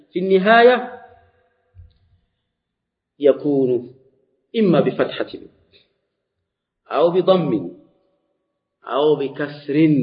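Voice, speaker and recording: A man teaching a classical Arabic morphology lesson, explaining slowly and deliberately with frequent restarts. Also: a little high. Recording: dull lo-fi recording.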